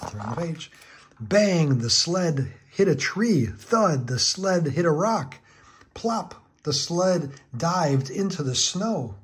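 A man reading a children's picture book aloud, with slow, clear storytelling narration. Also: a little high, animated.

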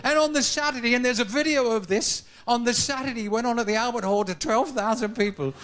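A man's voice: very high voice, quick pace, noisy background. A man hosting a talk show, chatting and telling jokey stories. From England. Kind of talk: live studio talk show banter. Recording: lo-fi VHS tape with loud studio audience and band.

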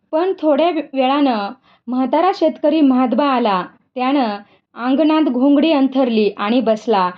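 A woman narrating a novel aloud with expressive storytelling, in a dull lo-fi recording. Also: high voice.

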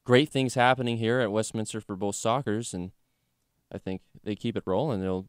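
Young dude on a sports podcast, jokey and rambly, dry close mic. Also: male voice, on the low side, fairly even intonation, normal speed, smooth, no room sound. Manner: chatty, jokey, lots of fillers like "you know" and "like". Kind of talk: casual sports chat.

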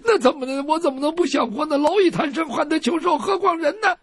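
A man's voice: extremely high pitch, fast talker, dry recording, voice pushed up. A male storyteller voicing a cowardly male quack doctor who stammers and shrieks as he begs for his life. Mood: cringing pleading. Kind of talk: traditional Chinese storytelling.

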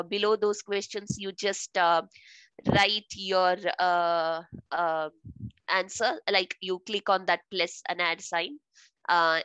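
Bright, crisp woman giving instructions. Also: lowish voice, no echo, low-quality recording. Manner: many filler sounds, hesitant. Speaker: facilitator. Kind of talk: giving instructions in a video call. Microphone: video call.

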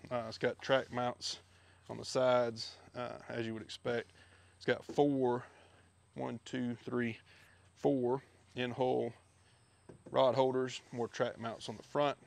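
A man giving a relaxed, chatty walkthrough of his gear outdoors, filmed on a head-mounted camera. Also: mid-range voice, slow pace, gravelly. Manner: relaxed, chatty, with many fillers. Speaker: fishing video host. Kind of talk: casual product walkthrough. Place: backyard outdoors. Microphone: head-mounted action camera.

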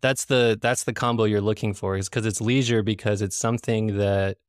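A man's voice: fairly low pitch, steady tone, moderate pace, dry recording, clean studio sound. A man in his thirties hosting a casual podcast interview over a headset, asking friendly questions and often restarting his phrases. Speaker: podcast host. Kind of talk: casual interview on a video call. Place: living room indoors. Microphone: headset with boom mic on a video call.

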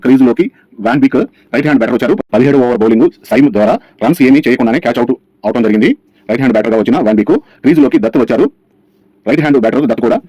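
A man's voice: mid-range voice, warm tone, dry recording. A man narrating a scripted cricket match recap as a channel host, rattling through scores over by over. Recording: dull, lo-fi sound.

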